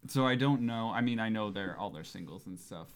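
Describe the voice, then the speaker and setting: A man's voice: on the low side, brisk. A man co-hosting a podcast, easygoing and agreeable, often laughing as he chats. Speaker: podcast co-host. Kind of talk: casual chat.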